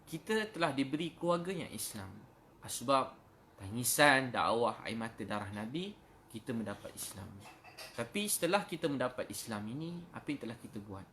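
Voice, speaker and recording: A man's voice: medium pitch, lively intonation, normal speed, pushed and bright, slight background noise. A middle-aged man preaching an emotional sermon in a Malaysian Malay accent, pleading and breaking into prayers.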